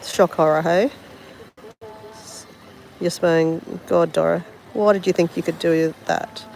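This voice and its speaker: Sniffling from a cold, this Australian woman talks slowly in a fairly low, fairly even voice with vocal fry and a slightly mellow quality. She's a travel vlogger painting outside by the sea during a livestream, chatting directly to her audience and mocking herself. The recording is poor, with slight background noise.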